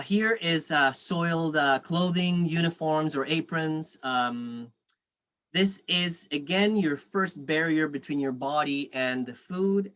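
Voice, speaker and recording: A man's voice: a little high, a bit bright. Spanish-accented man teaching an online workshop. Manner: friendly, reads chat aloud, frequent fillers. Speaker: food safety workshop instructor.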